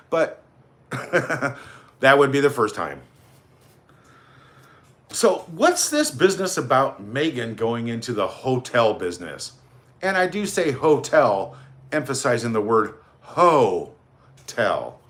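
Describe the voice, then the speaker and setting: Sarcastic man hosting a livestream. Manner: sarcastic, mocking; swings between loud outbursts and low mutters. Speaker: livestream host. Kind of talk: casual livestream chat.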